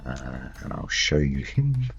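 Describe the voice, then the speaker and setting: A man's voice: a bass voice, big pitch swings, unhurried, vocal fry, breathy edge, lo-fi sound, faint music behind. A man narrating a tabletop horror game as game master, hesitant and full of restarts and ums.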